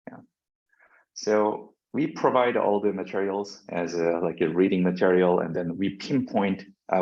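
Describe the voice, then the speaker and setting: His voice sits low with a darkish tone as he lectures at university, stumbling through fillers and restarts; his first language is Korean. The classroom lecture comes across as a dull, lo-fi recording.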